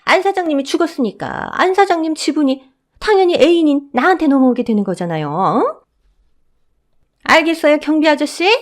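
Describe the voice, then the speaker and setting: A woman voicing a brash, loud middle-aged woman who shouts and insists she owns the building. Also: animated, moderate pace. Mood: insistent. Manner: shrill, shouting, indignant.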